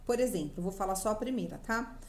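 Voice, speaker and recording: A woman's voice: mid-range voice, expressive, brisk. A woman teacher from Brazil with a Brazilian Portuguese accent, patiently explaining a lesson to young children and checking in often. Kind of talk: remote class lesson for children.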